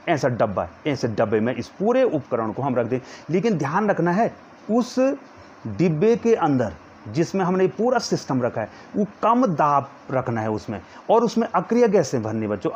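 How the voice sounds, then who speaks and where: A man teaching a physics lesson to students, slowly dictating notes and pointing at a diagram as he explains. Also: medium pitch, darkish tone. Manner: calls students "children" in nearly every line, repeats words slowly for dictation. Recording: dull lo-fi sound with faint background noise.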